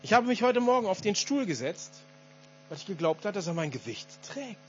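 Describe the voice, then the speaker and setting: A man's voice: high-pitched, very animated, brisk, lo-fi sound, a little hiss or hum. A male pastor preaching a sermon to his congregation, emphatic and given to repeating key phrases.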